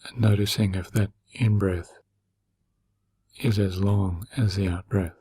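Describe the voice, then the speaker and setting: This meditation guide has a low, husky voice and keeps his intonation fairly even. His narration moves slowly and softly, calming the listener with long pauses.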